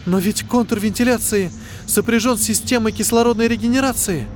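A man's voice: sits high, fairly quick, slight background noise, pitched above the performer's own voice, natural voice. A man voicing an anxious, hesitant woman medic on a spaceship in a science fiction audiobook. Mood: frightened. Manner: hesitant, worried.

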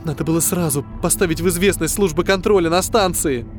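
A man's voice: fairly high pitch, fairly quick, soft background music, voice pushed up, close to an everyday voice. Man voicing an anxious female spaceship medic. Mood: worried. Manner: hesitant, worried. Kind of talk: science fiction audiobook.

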